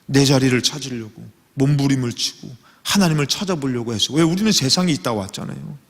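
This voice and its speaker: A male pastor preaching to a young adults' service, animated, acting out quoted prayers and speech in his own voice. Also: mid-range voice, fast, creaky. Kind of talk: sermon to a youth service. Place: church sanctuary. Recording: long reverb of a church hall.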